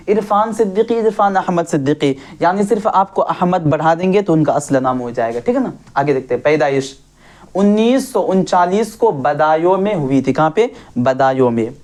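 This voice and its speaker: A woman's voice: low-pitched, a little mellow. A woman teaching an online class, repeating key points and asking and answering her own questions while keeping up set phrases to her viewers. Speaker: Urdu teacher.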